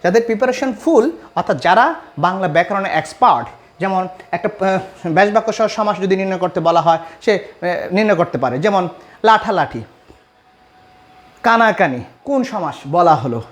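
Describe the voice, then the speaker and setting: A man from Bangladesh giving an exam-prep grammar lesson as a tutor, explaining with examples and often pausing to hesitate. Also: high-pitched, expressive.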